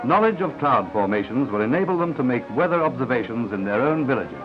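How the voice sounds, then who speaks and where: A man narrates an old newsreel in a confident announcer voice, his pitch rising and falling with lively swings. The sound is dull and lo-fi, like a 1950s newsreel soundtrack, with music playing clearly underneath. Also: fast. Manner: confident announcer delivery with asides to the viewer.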